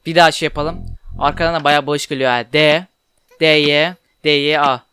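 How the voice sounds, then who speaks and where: A young man giving casual commentary while playing a game, chatty and quick to get frustrated and swear at it. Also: on the high side, fairly even intonation, pushed and bright, clear, resonant tone, faint music behind. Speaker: gaming YouTuber. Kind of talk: casual Let's Play commentary.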